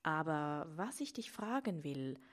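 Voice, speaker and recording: A woman voicing a small, very old woman who talks in a warm, welcoming and animated way. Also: low-pitched, measured pace. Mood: cheerful, kind.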